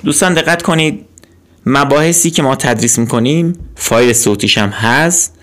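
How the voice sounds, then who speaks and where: A man teaching a language lesson, saying words slowly and then giving their meaning, with patient repetition. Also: mid-range voice, fairly bright tone.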